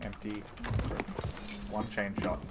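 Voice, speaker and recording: Speaking slowly in a level, low-ish voice, this man streams a game and trades playful jabs with his chat between bits of muttering to himself. There's a lot of background noise.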